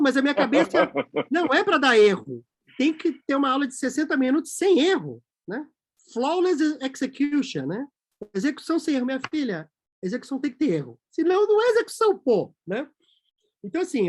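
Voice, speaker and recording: This guest, a Brazilian company CEO, chats in a laid-back interview with plenty of energy, putting on voices for the people he quotes. His pitch sits high.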